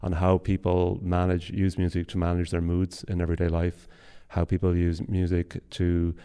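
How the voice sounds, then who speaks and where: Very deep, gravelly-voiced male academic. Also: monotone, moderate pace, mellow. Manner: thoughtful, formal, with restarts. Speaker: music academic. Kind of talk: interview answers.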